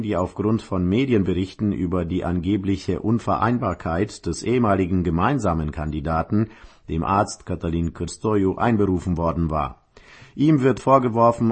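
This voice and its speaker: A man hosting a radio programme and reading scripted news in a husky voice. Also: low-pitched, a little mellow. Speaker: radio host and newsreader.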